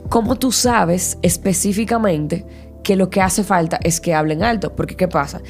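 A woman, co-hosting a podcast in casual chat and asking quick, probing questions. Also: fairly low pitch, faint music behind. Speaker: podcast co-host.

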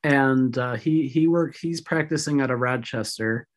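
Woman, interview guest, slightly rough voice, slow unhurried delivery, thoughtful explaining. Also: extremely low pitch. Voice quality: slightly rough voice after vocal surgery. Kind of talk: casual conversational interview.

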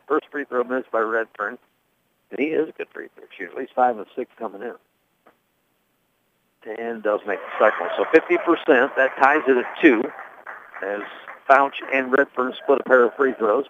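A man doing radio play-by-play of a basketball game, calling plays fast and reading sponsor spots. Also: mid-range voice, slight background noise. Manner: rapid calls with read sponsor spots. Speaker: play-by-play announcer. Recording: tinny phone-like radio broadcast.

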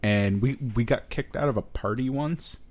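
A man co-hosting a podcast, halting and joking in casual chat. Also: medium pitch, darkish tone. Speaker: podcast co-host.

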